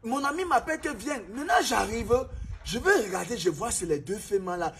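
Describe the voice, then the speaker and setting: This young restaurant manager from Cameroon, speaking French with a Cameroonian accent, turns his life story into an emphatic, preachy pep talk full of repetition. He talks fairly quickly in a high, somewhat bright voice with lively intonation, and a little hiss or hum is audible.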